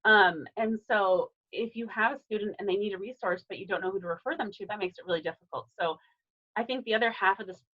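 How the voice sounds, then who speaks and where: A woman's voice: medium pitch, quick pace, highs cut off. A woman presenting a staff training on a video call in a casual way, with many fillers and restarts.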